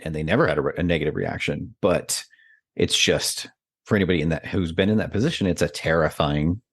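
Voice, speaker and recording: A man's voice: deep voice, brisk, dry recording, clean studio sound. A middle-aged man co-hosting a podcast, chatting casually and telling a personal story with lots of fillers and laughs. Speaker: podcast co-host. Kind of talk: casual conversation.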